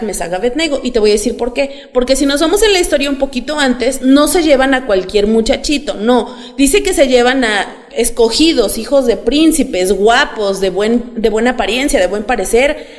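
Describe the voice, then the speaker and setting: A woman giving a chatty Bible lesson to teenagers in a church, often asking her listeners questions. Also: high-pitched. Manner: chatty, asks the audience questions. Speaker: youth Bible teacher. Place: church hall. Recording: long hall reverb.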